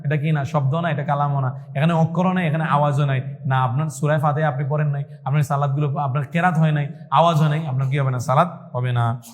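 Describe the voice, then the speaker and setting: A male Islamic teacher delivers a religious lesson in a somewhat high voice, posing questions and answering them himself. He repeats key points and chants Arabic verses. A long reverb trails behind his voice. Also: steady tone, fast. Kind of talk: religious lesson in call-and-response.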